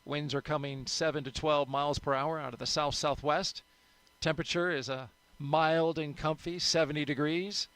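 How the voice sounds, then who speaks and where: A man's voice: on the high side, steady tone, normal speed, few pauses, a bit bright, clean tone. A man giving upbeat, chatty live commentary as a launch broadcast host.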